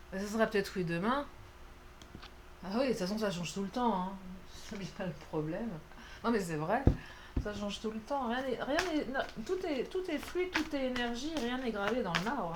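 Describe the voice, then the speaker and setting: A woman's voice: mid-range voice, expressive, moderate pace, a little hiss or hum. A woman doing a casual, playful card reading, chatty and self-mocking with lots of fillers. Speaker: tarot card reader.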